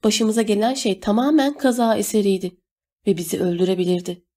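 A woman's voice: mid-range voice, steady tone, fairly quick, warm tone, lightly acted. A woman reading an audiobook voices a blunt young woman who speaks insistently. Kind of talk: audiobook character voice.

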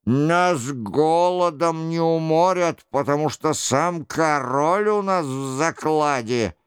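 A bold, heavyset nobleman from a storybook, voiced by a man reading aloud. He speaks slowly and firmly. The voice is clear and smooth, with a dry sound. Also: a little high, no echo. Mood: resolute. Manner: resolute. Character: stout, bold male conspirator noble.

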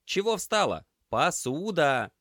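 A man voicing a quick, unflappable young kitchen hand who snaps orders and quips in an audiobook. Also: high voice, wildly swooping pitch, no room sound, studio quality, pitched above the performer's own voice. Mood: brisk. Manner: snappy, brisk. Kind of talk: audiobook character voice.

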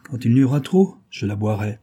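A man voicing an unshakably calm, sarcastic detective facing captors in a storybook reading. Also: mid-range voice, a little fast, husky. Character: cool, sarcastic male detective prisoner.

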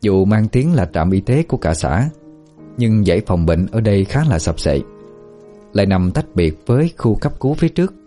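A man reading a ghost story aloud as a storyteller, in an even, unhurried narration. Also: lowish voice, soft background music. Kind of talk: scripted horror narration.

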